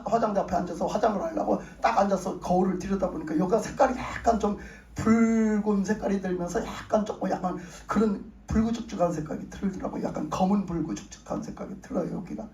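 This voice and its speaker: A woman's voice: mid-range voice, fast talker, hardly any pauses, warm tone. A middle-aged woman pastor giving a testimony sermon, telling her story with animation and acting out her own prayers. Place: church sanctuary. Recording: roomy church hall, voice from a distance.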